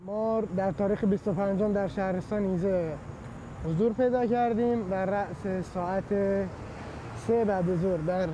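Brief: male officer, formal report-style testimony, very high voice, noisy outdoor recording. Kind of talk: formal eyewitness statement. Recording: outdoor noise behind voice.

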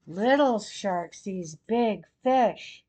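A grandmother in her sixties, seated in an armchair in a small, plain room at home, reads a children's picture book aloud for young listeners. Her mid-range voice is deliberate and expressive.

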